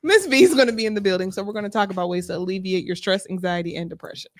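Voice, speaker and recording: A woman's voice: medium pitch, very fast. A woman co-hosting a podcast in casual chat, backing her partner up and laughing along. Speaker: podcast co-host.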